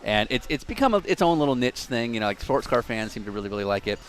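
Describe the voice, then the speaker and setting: A man's voice: mid-range voice, very animated, fast talker, a little hiss or hum. A man in his thirties co-hosting a casual dinner podcast, rambling with fillers and laughing at his own stories. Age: 30s. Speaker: podcast co-host. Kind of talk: casual chat over dinner.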